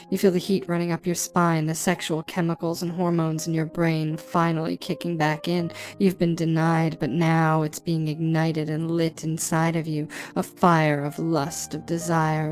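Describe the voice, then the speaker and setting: A woman delivering an erotic hypnosis monologue for adults, speaking intimately close in the listener's ear in a commanding, deliberate, repetitive way. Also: sits low, darkish tone. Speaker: hypnosis narrator. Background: music.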